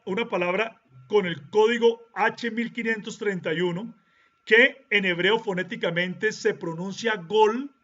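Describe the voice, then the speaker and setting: A man giving a deliberate Bible-teaching talk, explaining step by step and checking in with short rhetorical questions. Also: high-pitched, sharp tone, dull audio.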